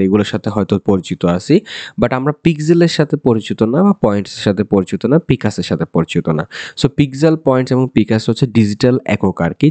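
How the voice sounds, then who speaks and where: A man rattles through a software tutorial at a very fast clip. His voice is low and mellow, and it is recorded dry, with no room sound. He explains in repeated loops and keeps checking that his listeners follow. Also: dry recording. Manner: rapid, repetitive explaining with frequent fillers and checks.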